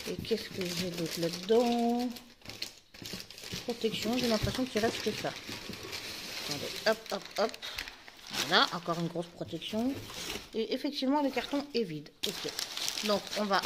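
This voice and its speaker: A woman's voice: medium pitch, a little hiss or hum. A woman chatting casually through an unboxing, with playful asides and lots of fillers. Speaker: unboxing vlogger.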